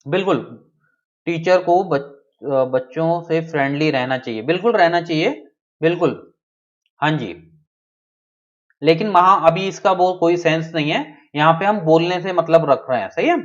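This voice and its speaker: Male teacher, slightly high voice, live online class, keeps asking if students follow and calls on them by name, dull lo-fi audio. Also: measured pace, pauses often. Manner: checks in often, reads out student names. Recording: dull lo-fi sound.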